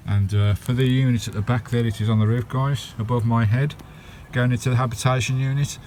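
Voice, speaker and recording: This English vlogger has a medium-pitched, slightly mellow voice with a steady tone and a fairly quick pace. He's fitting a radio in his parked campervan, addressing viewers in a chatty, matey, colloquial way, recorded on a handheld camera mic with a little hiss or hum.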